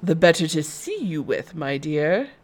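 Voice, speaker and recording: A woman's voice: sing-song, a little mellow, full character voice. A sly wolf, as a woman puts him on. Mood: menacing. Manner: low, slow, coaxing. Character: sly, hungry male wolf, smooth talker.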